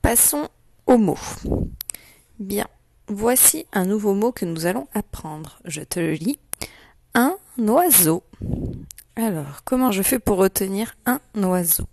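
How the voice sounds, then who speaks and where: A woman teacher giving a slow dictation lesson to young children, saying each syllable clearly and repeating it. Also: mid-range voice, expressive, warm tone, dry recording. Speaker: primary school teacher.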